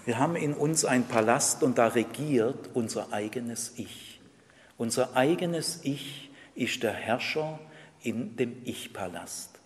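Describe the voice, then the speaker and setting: Male preacher, mid-pitched voice, swings hushed to emphatic, long hall reverb. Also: expressive, slow. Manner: tags sentences with "gell", shifts from quiet and intimate to loud and emphatic. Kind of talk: sermon.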